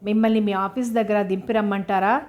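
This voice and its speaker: A woman's voice: mid-range voice, fairly even intonation, fairly quick, a little mellow, natural voice. A woman reading as Bhadrappa, a polite dutiful driver. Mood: deferential. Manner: deferential questions.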